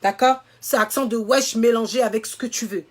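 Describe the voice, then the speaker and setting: High-voiced, indignant woman ranting. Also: fairly even intonation, fairly quick. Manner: emphatic, indignant, repeats her points. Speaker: social media commentator. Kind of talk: impassioned vlog rant to viewers.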